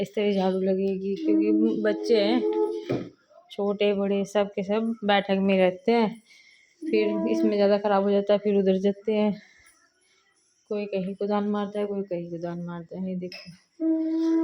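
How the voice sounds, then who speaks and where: A woman's voice: medium pitch, muffled recording, background noise. A young woman with an Uttar Pradesh Hindi accent, chatting to viewers in a casual vlog as she explains each household chore while she works. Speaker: family vlogger and homemaker.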